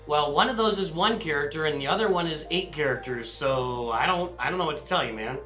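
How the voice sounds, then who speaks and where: A man's voice: fairly high pitch, brisk, bright, forceful tone. A man hosting a casual live stream as a guild leader, rambling and apologetic as he answers chat questions aloud. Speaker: livestream host and guild leader. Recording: echoey room with faint music.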